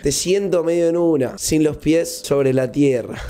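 A man's voice: fairly high pitch, a little slow, warm tone, soft background music. A young man with an Argentine accent chatting casually on a live stream, joking playfully and reading out messages. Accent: Argentine Spanish.

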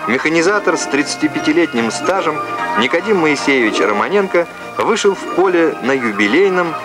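A man's voice: fairly high pitch, animated, a little fast. A man reading scripted narration in the manner of an old Soviet newsreel. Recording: old film soundtrack with loud music. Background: loud music.

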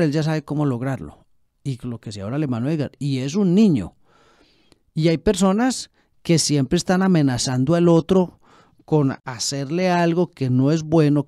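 A man preaching a sermon. His voice sits a little high but sounds dark and mellow, and he drives his points home with rhetorical questions and repeated phrases. The recording is dry and close. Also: no echo. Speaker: pastor.

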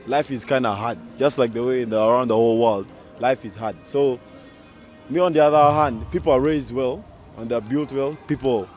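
A young man speaks with earnest emphasis, outdoors on an open lot. His voice is mid-pitched, and soft music plays behind him. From Uganda. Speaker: basketball player. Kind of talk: casual interview answer.

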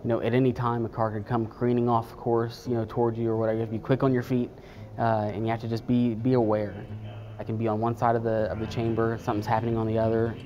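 A man from Atlanta, a photographer speaking in a measured, soft-spoken way in a documentary interview. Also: medium pitch, monotone, dull audio. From Atlanta, Georgia. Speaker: legislative photographer. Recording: interview with music underneath.

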